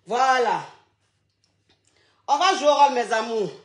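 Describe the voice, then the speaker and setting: A man's voice: very high-pitched, lively intonation, a little slow. A man hosting a playful online chat show, out of breath, teasing and laughing with his viewers. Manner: flamboyant, teasing, laughs often, calls viewers "my loves".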